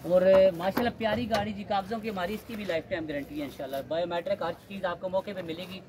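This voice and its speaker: A man, walking a used-car lot and pitching cars in a steady, repetitive salesman patter. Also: fast talker, a crowd in the background. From Pakistan. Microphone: handheld phone camera. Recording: noisy outdoor lot.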